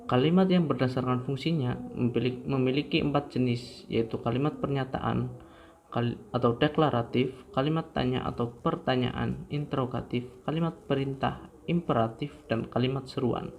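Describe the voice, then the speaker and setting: A man's voice: medium pitch, moderate pace, muffled recording, slight background noise. A young man, a student, reading a grammar lesson aloud from his notes, stumbling and restarting words now and then. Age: young adult. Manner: reads from notes with frequent slips and restarts. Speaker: student presenter.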